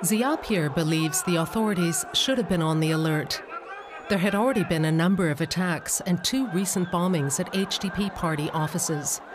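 A documentary narrator reading a calm, even, scripted narration. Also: mid-range voice, normal speed. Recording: narration over music and crowd noise.

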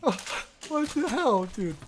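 A man streaming a video game live, talking to his chat in an excitable way, swearing often and calling everyone dude and bro. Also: very high-pitched, slow pace, a little hiss or hum.

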